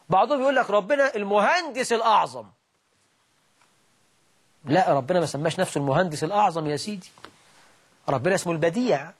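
High-voiced Egyptian preacher, emphatic. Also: male voice. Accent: Egyptian Arabic. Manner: emphatic, rhetorical questions, mocking repetition. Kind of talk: religious lesson on common errors.

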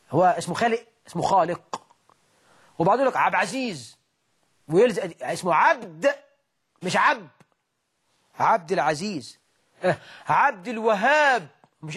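A man's voice: high-pitched, slightly rough. A man with an Egyptian Arabic accent preaching a religious lesson, emphatic and full of rhetorical questions that repeat and mock the errors he corrects.

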